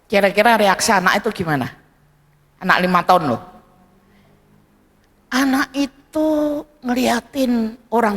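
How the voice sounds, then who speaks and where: A male pastor preaching a sermon, telling a story and acting out its characters, building to loud shouted climaxes. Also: sits high. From Indonesia. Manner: animated, acts out characters, rises to shouting climaxes. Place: large church hall. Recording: long church hall reverb.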